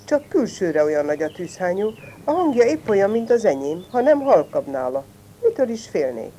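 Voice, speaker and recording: A boastful little fox cub from a storybook, as a woman reader puts him on, crowing loudly about his courage. His voice leaps high and low with lively swings. A faint hiss sits behind the reading. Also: natural voice. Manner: brags loudly, then stammers with fright.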